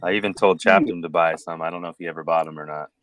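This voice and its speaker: A man co-hosting an online chat room, loud and playful, bantering and greeting everyone. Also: sits low, fairly even intonation, racing. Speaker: co-host of an audio chat room. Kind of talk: casual chat.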